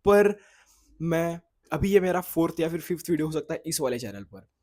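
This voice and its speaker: Speaking at normal speed with lively intonation, a young man with a slightly high, a little mellow voice vlogs casually to camera. His first language is Marathi; outdoors in the sun at a boys' hostel, he rambles, loses his thread, and corrects himself.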